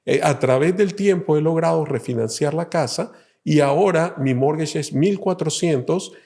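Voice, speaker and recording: A middle-aged man from Colombia, a loan officer explaining things calmly as an interview guest. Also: on the high side, moderate pace. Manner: calm, explanatory, many fillers. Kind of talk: interview answers.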